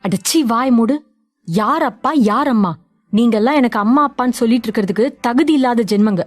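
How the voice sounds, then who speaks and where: A woman voicing a defiant young daughter in a story, with a sharp, scolding way of talking. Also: a little high, fairly quick, no echo, close to an everyday voice. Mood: furious. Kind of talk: audio drama reading.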